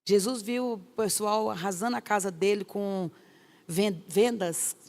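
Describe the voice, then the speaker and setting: A woman pastor, teaching a course in an emphatic, lively way with rhetorical questions. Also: mid-range voice, unhurried.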